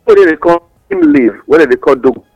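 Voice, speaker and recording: A man's voice: a little high, wildly swooping pitch, fast talker, vocal fry, a little mellow, no echo, soft background music, poor audio. A man with a Nigerian accent explaining things in West African Pidgin English, teaching through examples and rhetorical questions as a radio guest giving advice.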